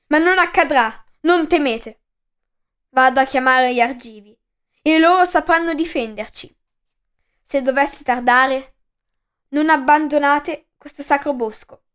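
A grave, protective father, as a woman reading a myth puts him on, gives calm instructions. His voice is fairly high. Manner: grave, reassuring. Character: father Danao, calm protective male leader.

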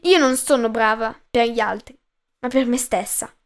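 A woman's voice: fairly high pitch, moderate pace, natural voice. A woman reading a story aloud and voicing a manipulative, unhinged young woman who kidnaps people, coy in manner with mad laughter. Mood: menacing. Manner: coy then menacing, laughs madly.

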